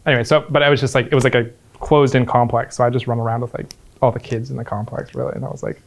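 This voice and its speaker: A young man from Canada chatting casually as a game show contestant, talking quickly and laughing often. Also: mid-range voice, flat delivery, vocal fry. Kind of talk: casual group chat.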